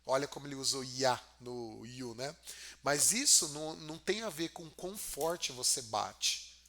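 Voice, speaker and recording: A man teaching English through a film scene, repeating each line and then explaining it slowly. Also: mid-range voice, sharp tone. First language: Portuguese. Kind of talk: film-clip language lesson.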